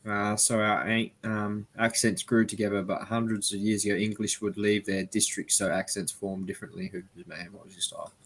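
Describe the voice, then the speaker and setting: An Australian man hosting a casual live-stream chat, rambling and chatty, often speeding up in quick bursts. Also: fairly low pitch, level tone, fairly bright tone. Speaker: host.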